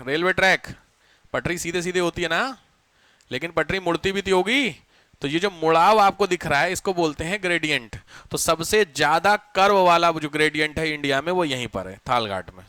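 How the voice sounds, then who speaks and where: Male teacher, a little high, bright and forceful, dry close sound, chatty classroom lecture, quizzes students. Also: smooth, no room sound. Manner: chatty, tells anecdotes, asks students questions; dictates notes slowly.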